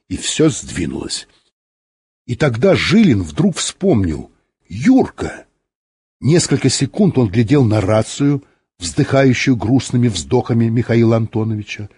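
A man narrating a story as an audiobook, reading in a dramatic, expressive way. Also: mid-range voice, normal speed, slightly rough. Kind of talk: scripted narration.

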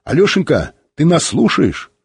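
A fussy, gentle old pilot who talks softly and eagerly, with his voice lifting high and lilting, put on by a male reader. The voice underneath is husky and very dry, with no room around it. The whole thing sounds like part of a single-reader audiobook. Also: sing-song, normal speed, no echo, heavily acted. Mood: doting, eager. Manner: soft, doting, eager.

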